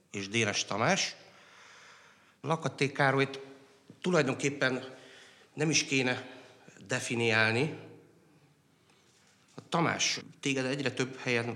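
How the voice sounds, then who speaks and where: A male host speaks conversationally with a creaky, forceful edge as he presents and questions. The sound carries a long room reverb. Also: mid-range voice. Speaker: interview show host. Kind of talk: conversational programme introduction and questioning.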